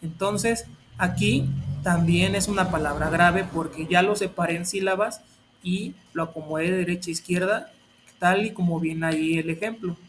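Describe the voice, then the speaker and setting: A man's voice: high voice, moderate pace, background noise. A man, teaching a grammar lesson step by step in a patient, explaining way.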